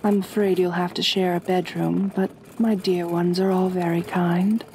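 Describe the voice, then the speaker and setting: Gentle aristocratic vampire mistress played by a woman for ASMR roleplay: soft, breathy, lowish, creaky, softly commanding. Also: little pitch movement, moderate pace, slight background noise, close to an everyday voice. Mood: doting, genteel. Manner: soothing, genteel, softly commanding. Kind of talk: ASMR roleplay, intimate acting.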